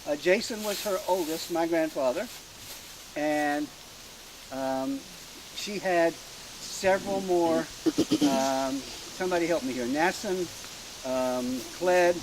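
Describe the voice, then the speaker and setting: A middle-aged man with a somewhat high voice tells family stories to relatives gathered outdoors. He speaks in a halting, informal way, stopping often with fillers and restarting his sentences. Faint outdoor noise sits behind him. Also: lively intonation. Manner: hesitant, halting delivery with many fillers and restarts. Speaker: family historian speaking at a family reunion. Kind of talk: informal storytelling speech to a gathered group. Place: outdoors at a rural graveside.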